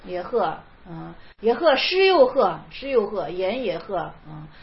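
A woman's voice: medium pitch, sing-song, measured pace, highs cut off. A woman giving an informal spoken lecture on Zen stories, repeating phrases for emphasis. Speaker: teacher explaining Zen koans.

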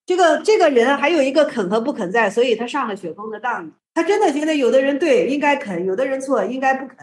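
A woman giving a casual talk on Zen teaching, telling old stories in a lively way. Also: sits high, fast, roomy sound. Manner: storytelling, lively, with restarts.

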